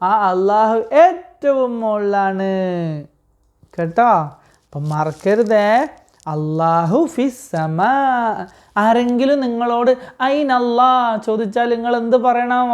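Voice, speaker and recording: A woman teaching a religious story to children, patient and slow, asking them questions and repeating the answers. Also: a little high, highs cut off.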